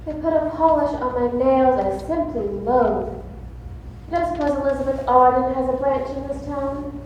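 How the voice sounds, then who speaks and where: A woman's voice: high-pitched, moderate pace, darkish tone, lightly acted. A woman on a stage playing a glamorous, affected actress with a theatrical, swooning delivery in a live play. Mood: arch, sweet. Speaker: stage actor. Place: large auditorium stage. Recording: echoey hall, faint room noise.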